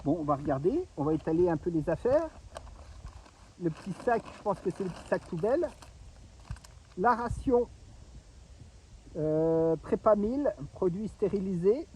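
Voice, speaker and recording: A man's voice: high-pitched, animated, moderate pace, long pauses, a little mellow, slight background noise, low-quality recording. A man doing a casual unboxing review of a ration pack, explaining each item step by step and giving safety warnings. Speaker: gear reviewer.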